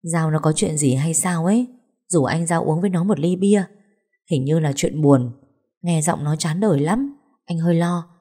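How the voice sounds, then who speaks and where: Worried young husband, voiced by a woman narrator; low, warm read for an audiobook. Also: moderate pace. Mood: concerned.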